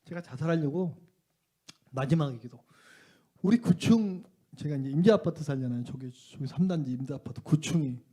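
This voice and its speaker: A middle-aged male preacher with a high-pitched voice delivers a revival sermon in a church. He tells a personal story with fervor. His voice swings from loud outbursts down to near-whispers. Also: normal speed, husky. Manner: impassioned storytelling, swinging between shouts and hushed tones. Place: church sanctuary.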